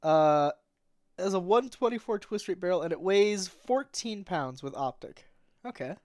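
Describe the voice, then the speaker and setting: Lively, wry man on a dry call. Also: high voice, normal speed, dry recording. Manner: joking, wry. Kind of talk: casual group chat on a voice call.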